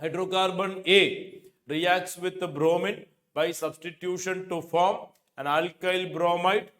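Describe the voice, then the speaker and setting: The speaker is a middle-aged male chemistry teacher with an Indian accent whose voice sits high and sounds a bit bright. He runs an exam coaching lecture, going through questions and repeating key phrases for emphasis. A lapel mic records him in an indoor teaching studio with a digital board.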